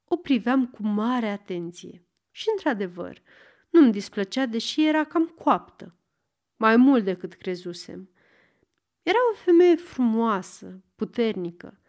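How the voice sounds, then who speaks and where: A woman narrating a short story as an audiobook, reading in measured phrases with long pauses. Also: a little high, very animated, darkish tone.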